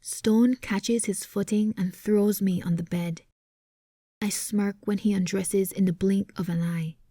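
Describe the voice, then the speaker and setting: A woman reads a first-person romance audiobook, taking her time over every phrase. Her voice is soft and mellow and keeps slipping into a breathy whisper. The sound is dry and close, with no room around it. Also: medium pitch, no echo. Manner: hushed, often sliding into a whisper. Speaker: audiobook narrator.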